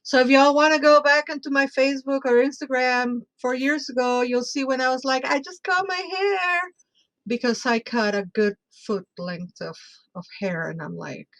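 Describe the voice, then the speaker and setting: A woman's voice: high-pitched, normal speed, poor audio. Woman telling a personal story conversationally. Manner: expressive, conversational, often checking in with "right?". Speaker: podcast guest.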